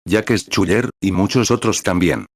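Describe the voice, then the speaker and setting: A man preaching a sermon in an earnest way, full of rhetorical questions and a measured delivery. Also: low-pitched, slightly rough, no echo, studio quality. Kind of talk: sermon read in translation.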